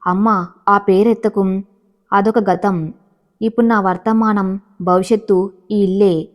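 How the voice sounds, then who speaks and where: A woman's voice: mid-range voice, moderate pace, close to an everyday voice. A woman voicing a dutiful, guarded young wife in a storybook reading, speaking in a restrained, firm way.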